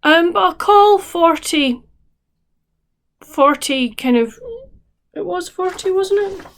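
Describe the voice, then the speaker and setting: A woman with a fairly high voice talks casually to her viewers as a book vlogger. She rambles along with many restarts and fillers. She sounds a bit tired. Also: lively intonation, takes it slowly, fairly bright tone. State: tired, yawning. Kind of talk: casual chat to camera.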